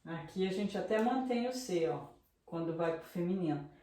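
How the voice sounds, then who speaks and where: A woman teaching beginners French, speaking slowly and clearly, repeating each word and often checking that students follow. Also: on the low side, expressive, dark tone. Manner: slow, clear repetition with frequent "tá?" checks. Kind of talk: beginner language lesson. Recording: very echoey room, voice from a distance.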